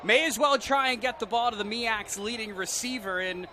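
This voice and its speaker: American guy calling football play by play, high sharp voice, faint outdoor noise behind him. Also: moderate pace. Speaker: play-by-play commentator.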